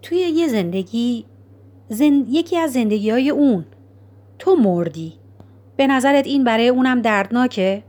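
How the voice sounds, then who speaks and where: A woman voicing a calm, firm older librarian in an audiobook, speaking quietly and in a measured, gently stern way. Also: on the high side. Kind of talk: audiobook character reading.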